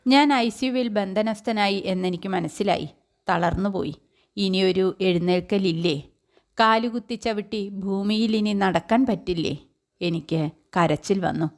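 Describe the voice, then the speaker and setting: A woman reading a short story aloud in a calm, measured, reflective way. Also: medium pitch. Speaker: story reader.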